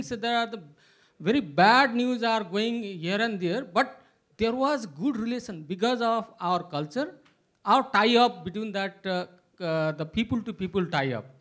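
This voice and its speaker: A man's voice: extremely high pitch, a bit bright. A man from Nepal, asking a panel a long question and stopping often with filler sounds. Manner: halting, many filler sounds. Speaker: audience member asking a question. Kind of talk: hesitant spoken question at a panel.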